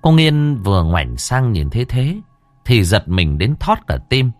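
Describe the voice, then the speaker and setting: A man tells a ghost story, his pitch climbing and falling widely. His delivery swings from hushed to lively. The recording is close and dry. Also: a little slow, dry recording, soft background music. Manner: expressive, shifting between hushed and lively. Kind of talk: scripted narration of a ghost story.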